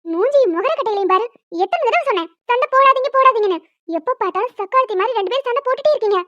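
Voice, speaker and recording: A woman's voice: extremely high pitch, expressive, racing, bright, forceful tone, no echo, exaggerated voice. A woman voicing a sensible young female college student in a cartoon, bossy and exasperated. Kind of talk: cartoon voice acting. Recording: dull lo-fi dry sound.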